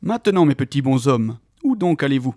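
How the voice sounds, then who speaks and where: A man voicing a jolly, boisterous old forest dweller who talks in a hearty, booming, sing-song way. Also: very animated, brisk, darkish tone, no room sound, studio quality, lightly acted. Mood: jovial booming.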